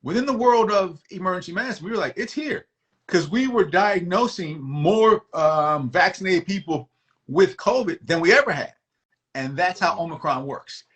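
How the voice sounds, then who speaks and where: A man, an emergency doctor, chatting as a guest on a video call, animated and friendly, laughing often and restarting sentences. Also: high voice, moderate pace. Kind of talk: casual interview chat.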